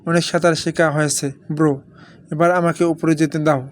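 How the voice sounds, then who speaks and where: A man's voice: on the high side, level tone, brisk, natural voice. A man voicing a nervous, easygoing young man in an audio drama. He speaks in an apologetic, placating way. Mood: uneasy.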